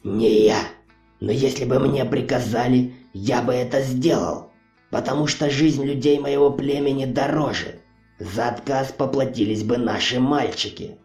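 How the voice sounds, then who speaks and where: A man voicing a defiant old male captive with a hoarse voice, on a muffled, roomy recording. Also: medium pitch, fairly even intonation, unhurried, darkish tone, close to an everyday voice. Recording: muffled distant roomy recording, faint music.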